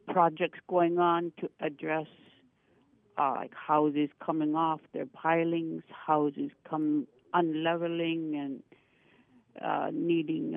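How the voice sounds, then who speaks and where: A woman's voice: low-pitched, vocal fry, no echo. A woman from Alaska calling in to a radio show over the phone, hesitant and full of ums and restarts. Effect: heard over a phone line. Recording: tinny phone line.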